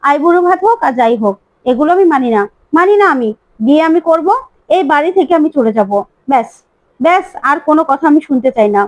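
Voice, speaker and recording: A woman voicing an angry, defiant young bride-to-be who shouts back at her mother. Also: high voice, lively intonation, quick pace.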